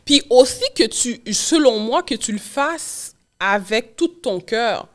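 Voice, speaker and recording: A woman, hosting an interview in a relaxed, conversational way. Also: on the high side, takes it slowly. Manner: responsive, many short backchannels. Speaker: podcast host, real estate broker. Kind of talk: casual interview chat.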